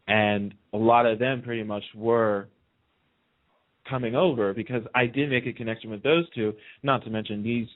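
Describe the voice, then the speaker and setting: The phone-quality recording captures a man with a mid-range voice, a radio host who is being interviewed. In a relaxed chat, he tells stories and repeats phrases to drive them home.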